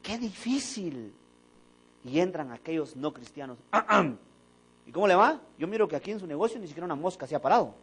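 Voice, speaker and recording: A man's voice: on the high side, moderate pace, husky, rough recording. A man preaching a sermon in a church, telling stories and acting out the dialogue. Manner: animated storytelling, acting out dialogue. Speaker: pastor. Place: church sanctuary.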